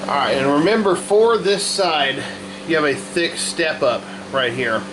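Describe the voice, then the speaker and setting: A man's voice: on the high side, measured pace. A man giving casual, folksy how-to commentary, talking himself through each step as he works in a shop. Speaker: host of a hands-on repair video. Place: hot workshop with a fan running. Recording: constant fan and hum noise behind voice. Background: running fan, steady hum.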